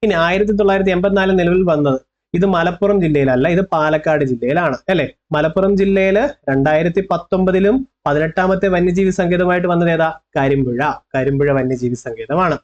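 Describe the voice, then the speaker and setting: Man, exam coaching teacher, Kerala Malayalam accent, slightly high voice, coaxing and repetitive, muffled lo-fi recording. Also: a little fast. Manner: coaxing, repeats facts and checks with the listener. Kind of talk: online exam-prep lesson.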